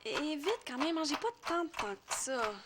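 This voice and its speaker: A high, brisk voice for a bossy Quebec teen. She speaks with a Quebec French accent and pushes people along in a hurried way. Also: lively intonation, very noisy. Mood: coaxing. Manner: pushy, hurried. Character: bossy, brisk teenage girl. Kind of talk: TV series acting.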